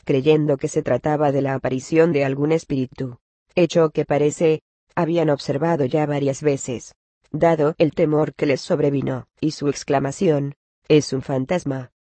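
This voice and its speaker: A man reading religious commentary and scripture passages aloud at a measured, even cadence. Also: a little high, no room sound. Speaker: reader of a religious text.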